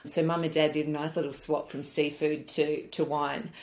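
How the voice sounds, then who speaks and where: A woman's voice: deep voice, little pitch movement, normal speed, a little mellow. A woman with an Australian accent, from South Australia, chatting as a guest in a friendly, good-humoured interview. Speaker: guest, politician and former journalist. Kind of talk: casual conversational interview.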